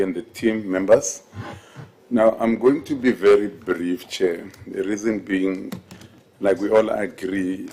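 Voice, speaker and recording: A man's voice: low-pitched, a little mellow, slight background noise. A man giving formal, courteous remarks as a member of parliament in a committee.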